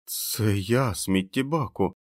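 A man voicing a terrified male henchman who speaks hoarsely and trembles as he coaxes. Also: fairly low pitch, slow, no echo, studio quality. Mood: frightened coaxing.

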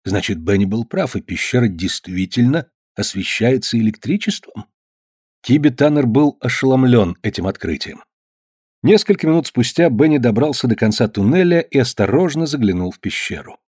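A man narrating a children's story in an expressive storytelling manner. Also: medium pitch, normal speed, slightly rough, dry recording, studio quality. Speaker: audiobook narrator. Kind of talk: scripted narration.

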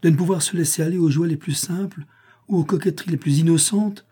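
A man's voice: on the high side, quick pace, mellow, husky, voice pushed up. A man voicing a distressed young noblewoman in a read-aloud story, pleading and impassioned. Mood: exasperated.

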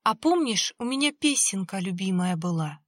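A woman with a mid-range, animated voice, close to an everyday voice, performs an audiobook character at a moderate pace in a dry, clean studio recording. She voices a ghostly little girl spirit who coaxes and insistently pleads in a rustling, childlike tone.

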